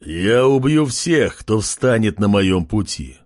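A pompous tentacled king, as a man puts him on talks slowly and heavily. His husky voice rolls up and down with haughty menace. Every word sounds like a royal decree. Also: on the low side, very animated, darkish tone, full character voice.

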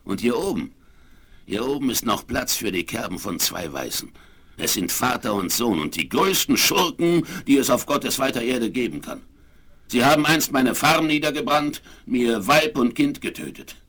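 An actor in a German radio play playing a gruff, vengeful frontiersman with a rough voice and hearty, old-fashioned talk. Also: mid-range voice, expressive, moderate pace, a bit bright. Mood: grim, vengeful. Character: gruff, vengeful frontiersman who hunts his enemies. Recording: 1970s vinyl radio play.

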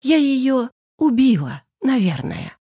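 A woman's voice: high-pitched, big pitch swings, takes it slowly, mellow, slightly rough, no echo, clean studio sound, voice pushed up, heavily acted. A sobbing, stammering young woman, as a female reader puts her on. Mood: tearful panic. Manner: tearful, breathless, stammering.

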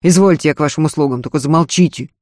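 A man's voice: fairly high pitch, rapid-fire, darkish tone, dry recording, clean studio sound, natural voice. Man playing a curt, scornful husband. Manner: curt and scornful, speaking through his teeth. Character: gruff, contemptuous husband, a weary nobleman.

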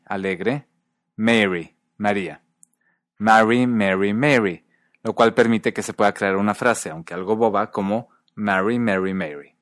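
A man hosting a podcast, giving a scripted, clear explanation and slowly repeating example words to show each sound. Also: fairly low pitch, dry recording. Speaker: podcast host. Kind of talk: scripted educational narration.

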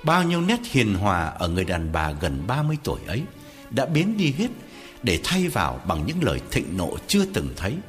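A man tells a spooky tale with a very lively, swooping delivery, his pitch rising and falling as he builds the drama. Faint music sits under his voice. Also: fairly quick. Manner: expressive storyteller. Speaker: narrator. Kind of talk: dramatic horror story narration.

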